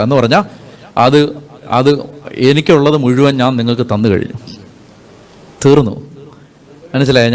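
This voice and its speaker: A man preaching a sermon, emphatic and repetitive, asking his listeners rhetorical questions and reading scripture aloud. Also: medium pitch.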